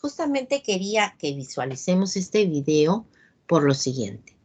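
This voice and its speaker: A woman's voice: lowish voice, sing-song, measured pace, noisy background. A woman teacher leading an online class, patiently asking her students questions over a video call.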